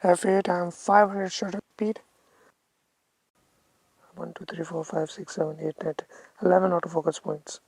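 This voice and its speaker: A woman with a North Indian accent talking casually as a photography vlogger, haltingly thinking aloud. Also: on the low side, level tone, gravelly, darkish tone, husky, dry recording. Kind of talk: casual vlog talk to camera.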